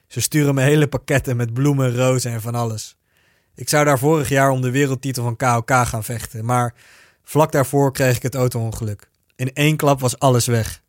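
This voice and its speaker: Man, storyteller, first-person narration, steady even delivery, dry close sound. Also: medium pitch, dry recording.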